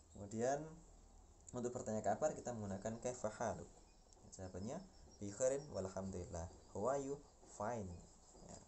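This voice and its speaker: A young man with an Indonesian accent leads a relaxed Arabic lesson, his voice low and mellow. He explains patiently, repeats each phrase slowly, and sometimes chants a greeting. A faint noise sits behind him. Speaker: Arabic teacher. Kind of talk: casual spoken lesson.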